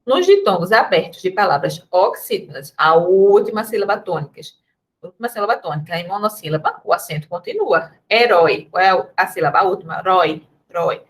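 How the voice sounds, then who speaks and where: A woman's voice: on the low side, lively intonation, a little fast. A woman with a Brazilian Portuguese accent giving a recorded grammar lesson, speaking to her students in a chatty, direct way. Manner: chatty, addresses students directly, reads comic asides aloud. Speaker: teacher.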